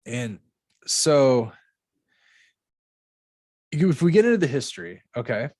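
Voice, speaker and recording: A man's voice: mid-range voice, big pitch swings, slow pace, darkish tone, no room sound, clean studio sound. A man with a Midwestern accent hosting a podcast, talking casually and rambling with restarts and fillers. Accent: Midwestern American. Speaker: podcast host.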